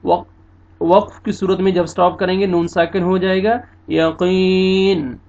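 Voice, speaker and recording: A man teaching Quran recitation rules. He spells out letters and vowel marks one by one, patiently corrects mistakes, and recites words in a drawn-out way. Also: high voice, little pitch movement, a little mellow, highs cut off. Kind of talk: tajweed lesson.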